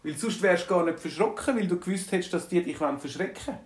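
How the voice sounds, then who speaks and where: A man's voice: high voice, animated, fast talker, voice pushed up. A man with a Swiss German accent voicing a sly, amused wizard who explains his trick. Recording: roomy, distant from mic.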